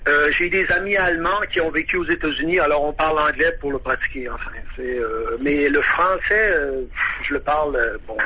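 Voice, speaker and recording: Quebecois guy on a phone line, kinda nervous, lots of euh and restarts, bright edgy voice, muffled with a bit of hiss. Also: a little high, a little fast. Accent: Québécois. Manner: hesitant, many "euh" and restarts, admits nervousness. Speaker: phone-in guest living abroad. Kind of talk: casual phone interview. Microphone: telephone.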